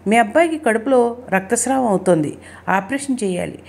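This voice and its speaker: A woman voicing a calm male hospital doctor speaking in a brisk, matter-of-fact way. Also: on the high side, creaky. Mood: businesslike.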